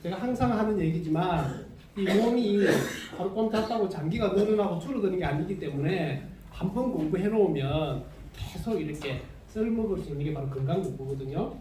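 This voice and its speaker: This health lecturer, a man with a Gyeongsang Korean accent, speaks off the cuff to a live class in a high-pitched, expressive, brisk and mellow voice. He chats, checks that listeners are following and laughs often. There's no working mic, so he's picked up from across a very echoey room, with slight background noise.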